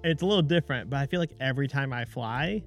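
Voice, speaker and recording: A man's voice: mid-range voice, lively intonation, quick pace, soft background music. Laughing, playful podcast co-host man. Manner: laughs often, playful teasing. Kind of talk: casual chat.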